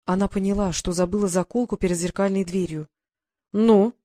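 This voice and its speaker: A woman narrating a novel in an even, measured storytelling manner. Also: on the low side, dry recording, studio quality. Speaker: audiobook narrator.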